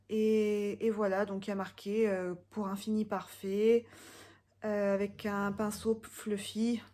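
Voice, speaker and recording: A woman's voice: medium pitch, mellow. Young woman, beauty vlogger, casual review, chatty, hesitant, full of fillers, from France.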